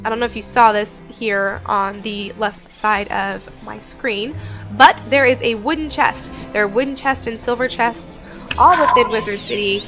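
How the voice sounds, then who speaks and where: Higher-voiced woman doing casual game commentary. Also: normal speed, over music, poor audio. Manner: chatty, informal, thinking aloud. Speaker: gaming video host. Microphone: headset.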